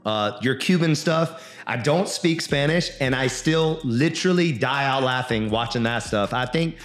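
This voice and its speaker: A man's voice: mid-range voice, normal speed, fairly bright tone, echoey room, soft background music. A man in his thirties hosting a podcast, talking in an earnest, upbeat way with plenty of fillers. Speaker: podcast host. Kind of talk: casual podcast interview.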